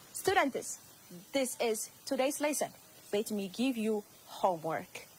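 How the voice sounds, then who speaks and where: A woman teacher with an Ethiopian accent, whose first language is Amharic, gives a slow, repetitive English lesson to young students. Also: medium pitch, a little hiss or hum, rough recording. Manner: slow, repeats words, addresses students.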